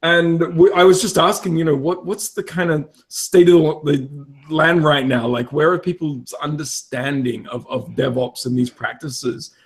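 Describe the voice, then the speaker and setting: A man hosting a relaxed interview, self-deprecating and chatty with many fillers. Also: fairly high pitch, moderate pace. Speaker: podcast host. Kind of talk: casual interview chat.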